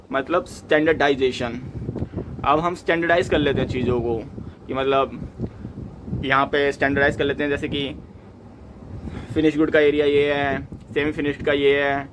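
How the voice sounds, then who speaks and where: A young man with a somewhat high voice explains workplace methods like a mechanical engineer talking to trainees. He keeps it conversational and drops in quick acted asides. A faint hum sits behind him. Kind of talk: casual explanatory talk to camera.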